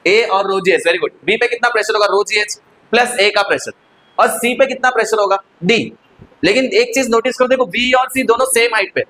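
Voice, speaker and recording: A man's voice: sits high, normal speed, bright, forceful tone, low-quality recording. A male physics teacher giving a classroom lecture, constantly asking the students questions and answering them himself, with English terms mixed into his explanation.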